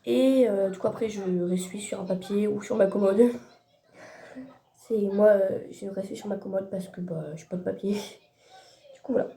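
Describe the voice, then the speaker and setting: A woman's voice: mid-range voice, steady tone, moderate pace, gravelly, warm tone, reverberant. A teenage girl giving a casual makeup tutorial at home, chatty and hesitant, searching for words and correcting herself. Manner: chatty, hesitant, many fillers and self-corrections. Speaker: beauty vlogger.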